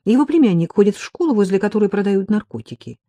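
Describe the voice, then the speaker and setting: A woman reading an audiobook voices a calm grown man who speaks in a measured, dryly mocking way. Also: mid-range voice, no echo. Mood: matter-of-fact. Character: calm, wry grown man, a quiet schemer.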